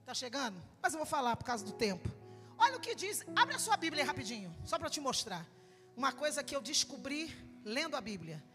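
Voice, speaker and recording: Middle-aged Brazilian woman preacher, high and bright, fervent delivery, echoey hall with faint music. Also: big pitch swings, a little fast. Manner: fervent, builds to shouting. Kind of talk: sermon with personal testimony.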